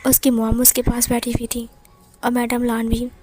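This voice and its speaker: A woman retelling fan fiction as a storyteller, in plain, steady narration. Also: a little high, moderate pace, over music.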